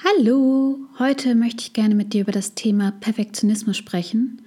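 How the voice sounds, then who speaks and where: Woman, psychologist host, calm scripted podcast talk, addresses the listener. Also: on the high side, moderate pace, soft background music. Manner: calm, speaks directly to the listener.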